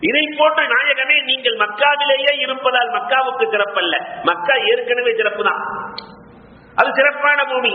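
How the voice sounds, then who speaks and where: A man preaching a sermon, repeating words for emphasis and calling his listeners beloved. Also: extremely high pitch. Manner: repetitive orator, addresses listeners as beloved. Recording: echoey hall, dull lo-fi sound.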